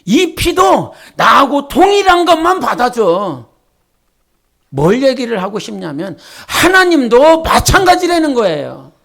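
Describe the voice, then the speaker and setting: High gravelly-voiced man preaching a sermon. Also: wildly swooping pitch, measured pace, fairly bright tone. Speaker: pastor. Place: church sanctuary.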